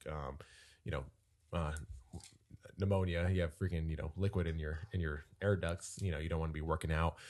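Very deep-voiced man getting over a cold. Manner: relaxed, many fillers, jokey. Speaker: podcast co-host. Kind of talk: casual podcast chat.

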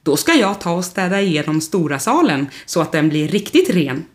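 A woman's voice: on the low side, lively intonation, lightly acted. A woman reading a storybook voices an eager, earnest man fond of cleaning. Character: eager, tidy-minded man.

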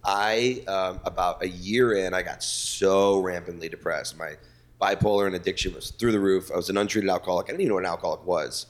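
A man from Missouri, a comedian guest, telling animated, profane stories in casual chat. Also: low voice, a little fast. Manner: animated, profane, mimics people and sings along.

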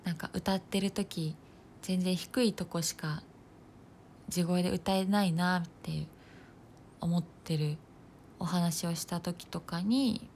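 A young woman in her twenties chatting casually on her own, thinking aloud as she goes, with plenty of fillers and the odd soft laugh. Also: lowish voice, fairly even intonation, slow pace, pauses often, a little hiss or hum. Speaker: nursing student podcaster. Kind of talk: casual solo talk.

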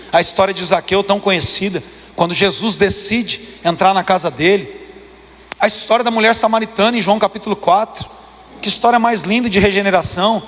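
A Brazilian man in his thirties preaching a sermon as pastor, impassioned, his voice climbing higher when he presses a point. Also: fairly bright tone. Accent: Brazilian Portuguese. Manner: impassioned, rises in pitch when preaching hard. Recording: long hall reverb.

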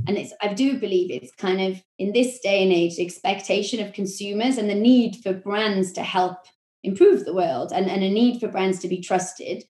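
A woman with a Welsh accent, a marketing executive explaining her work in a podcast interview, measured and full of corporate phrasing. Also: mid-range voice, darkish tone, roomy sound.

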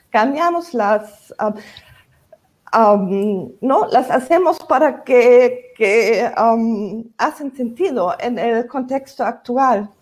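A woman who is not a native Spanish speaker, talking with a foreign accent in a halting way as a novelist on a discussion panel. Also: a little high, darkish tone. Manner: halting, searching for words. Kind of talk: panel discussion of own writing.

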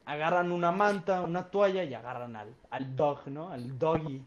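Telling a casual story for his podcast, a young co-host with a Mexican Spanish accent talks at normal speed in a somewhat high voice. His delivery meanders with slang and plenty of fillers, captured in dull lo-fi sound.

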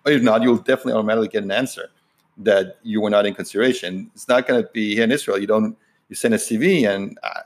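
A man from Denmark, speaking English, asks questions in a fairly low voice. He halts often, searching for the right word and restarting his sentences as he hosts the conversation. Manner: halting, searches for words, rephrases mid-sentence. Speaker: interviewer, host. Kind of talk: conversational interview.

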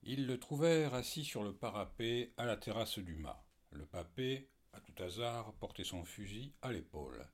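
A man with a fairly low, lively voice narrates an audiobook in a measured, storytelling style.

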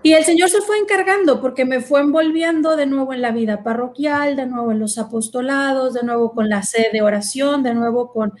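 A woman's voice: high voice, fairly quick, few pauses. Earnest woman telling her story. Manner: earnest, storytelling, many fillers. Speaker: guest sharing her vocation testimony. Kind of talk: personal testimony in conversation.

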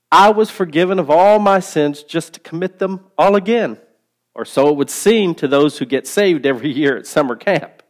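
A man with a somewhat high voice teaches in a podcast sermon. He speaks emphatically, posing rhetorical questions and prompting the listener as a preacher would. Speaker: podcast host and Bible teacher.

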